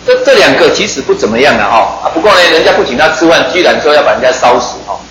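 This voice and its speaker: A man's voice: a little high, expressive, racing, fairly bright tone, roomy sound, a little hiss or hum, rough recording. A man preaching a sermon in a chatty, joking way, often putting questions to his listeners.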